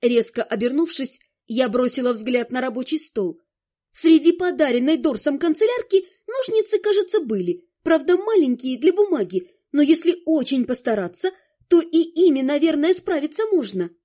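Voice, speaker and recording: High mellow-voiced woman reading an audiobook. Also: moderate pace. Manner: expressive, animated reading. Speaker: audiobook narrator. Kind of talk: first-person fantasy audiobook narration.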